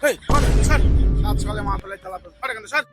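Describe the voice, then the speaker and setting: Comedy skit: male actor as crude, snappy older man, very high voice, rapid delivery. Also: loud music behind the voice, lightly acted. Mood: exasperated. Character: irritable, crude older passer-by, hounded for money. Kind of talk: broad comedy skit acting.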